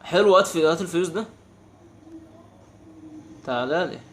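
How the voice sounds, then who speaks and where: A young man with an Egyptian Arabic accent rattles off quick gameplay commentary, full of exasperated banter. His voice sits a little high, and a faint hiss of noise runs under the recording. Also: animated. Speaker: gaming channel host.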